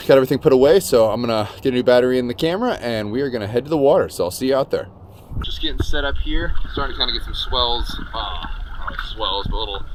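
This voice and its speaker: Chatty man vlogging through noisy camera audio. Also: mid-range voice. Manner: chatty and upbeat, laughs often at himself. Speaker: spearfishing vlogger. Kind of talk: casual vlog chat, talking to camera. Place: outdoors on a coastal jetty, getting ready to dive. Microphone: action camera in a waterproof case.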